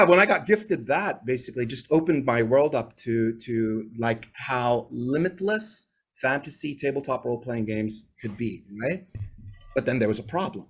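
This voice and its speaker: A medium-pitched male voice with a breathy edge belongs to a guest on a video-call interview. He's from Bahrain, in his forties, a native English speaker, and he tells casual stories in a rambling, chatty manner, tagging points with "right?".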